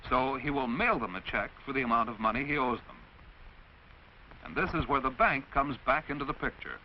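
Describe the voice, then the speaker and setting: In the style of a mid-century instructional film, an American man narrates in a medium-pitched voice with lively intonation. His explanation is measured, carefully enunciated and didactic, and the old soundtrack sounds dull with faint noise.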